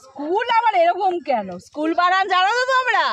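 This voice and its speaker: A woman's voice: very high-pitched, animated, a little fast, a bit bright. A woman teacher giving a spoken pronunciation lesson, repeating sounds and patiently quizzing her pupils for answers. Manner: patient, coaxing.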